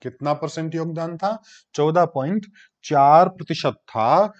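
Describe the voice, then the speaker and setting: A man's voice: a little high, measured pace. Man teaching, quizzing his class. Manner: explains step by step, asks and answers his own questions. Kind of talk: classroom lecture. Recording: dull lo-fi recording.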